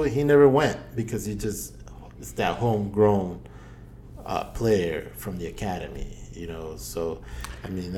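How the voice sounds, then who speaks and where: A man's voice: mid-range voice, dark tone, slight background noise. Laid-back man ribbing his co-host. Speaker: podcast co-host, football fan. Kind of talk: casual football banter.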